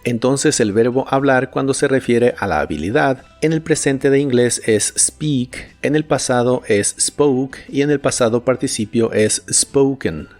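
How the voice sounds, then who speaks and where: Man calmly explaining a lesson. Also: medium pitch, faint music behind. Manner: explains clearly, says example phrases slowly and carefully. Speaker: language teacher. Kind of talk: scripted lesson narration.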